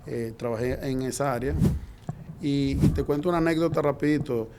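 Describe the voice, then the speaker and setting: A middle-aged man from Venezuela, a guest in an interview, telling his story in a lively way and acting out the dialogue. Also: mid-range voice, brisk, heavy background noise. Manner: lively anecdotal, acts out quoted dialogue.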